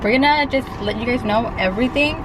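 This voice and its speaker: A woman's voice: fairly high pitch, fast. Chatty young woman by a busy street. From California. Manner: chatty, rambling, lots of likes and restarts. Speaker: vlogger co-host. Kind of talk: casual couple vlog storytelling. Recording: outdoor traffic noise behind. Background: street and car noise.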